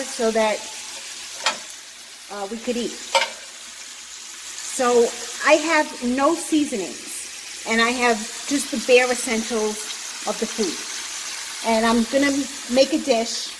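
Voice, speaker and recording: A mature woman with a Brooklyn accent casually talking through a home-cooking demonstration as she works. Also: on the high side. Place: echoey apartment kitchen, indoors. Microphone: handheld camera, no tripod. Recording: echoey room with clear frying sizzle noise. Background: sizzling pan and stirring.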